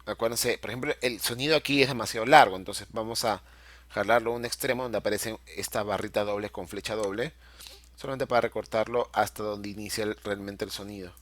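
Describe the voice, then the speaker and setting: A man's voice: fairly low pitch, steady tone, fairly quick, a bit bright. A middle-aged man teaching a video-editing class, patiently explaining each step and checking in often with his students. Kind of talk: screen-recorded software tutorial.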